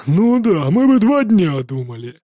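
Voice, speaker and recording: A man's voice: a little high, animated, unhurried, mellow, no echo, clean studio sound. A man voicing a hot-tempered, sarcastic male viking rower in an audiobook, sneering and hammering every word. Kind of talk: audiobook character voice.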